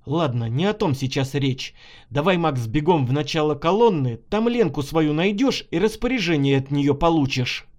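A man playing a hot-tempered middle-aged lieutenant colonel who gives orders gruffly and bluntly. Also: fairly high pitch, lively intonation, normal speed, darkish tone, natural voice. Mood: reflective.

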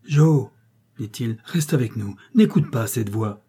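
A man's voice: medium pitch, expressive, slow, dark tone, breathy edge, full character voice. A man voicing a simple, loyal creature that is half man and half ape, speaking in a plain, earnest way.

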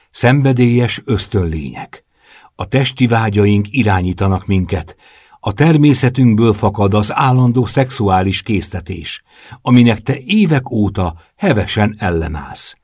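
Male narrator doing a crude teasing womanizer, low husky voice, lively delivery. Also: no room sound, studio quality. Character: crude teasing young man, brash womanizer.

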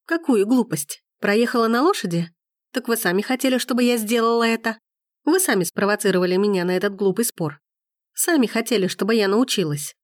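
A woman's voice: mid-range voice, expressive, a little fast, dry recording, clean studio sound, lightly acted. A woman reading an audiobook, voicing an enraged young woman who hurls angry accusations. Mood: furious. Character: furious young woman in period romance.

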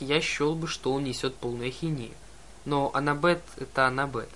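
A man's voice: a little high, pushed and bright, slight background noise. A man reading a story aloud in first person as an audiobook narrator. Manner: reads the story in first person and voices every character himself. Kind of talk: scripted narration.

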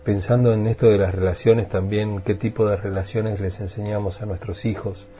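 A man hosting a reflective radio monologue, thoughtful and halting, often repeating words as he searches for them. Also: lowish voice, flat delivery, warm tone.

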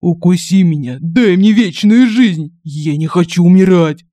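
A woman puts on a crafty male royal advisor who moans and pleads, overly gushing and theatrical. He sounds clear and smooth, a little low and mellow, and the recording is close and dry. It suits a comic fantasy audiobook. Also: normal speed, no room sound, close to an everyday voice. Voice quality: whiny, theatrical groaning. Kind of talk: audiobook character voicing.

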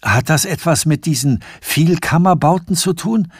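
A man's voice: a little high, animated, normal speed, breathy edge, no room sound, clean studio sound, pitched above the performer's own voice. A man voicing a stammering, panicky Swiss businessman. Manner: stammering, anxious, breathless. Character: panicky fearful Swiss businessman, middle-aged.

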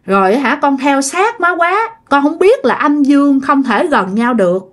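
A woman's voice: sits high, big pitch swings, moderate pace, voice pushed up. A woman voicing the ghost of a devoted young man who speaks in an earnest, repetitive plea, with a Southern Vietnamese accent. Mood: pleading.

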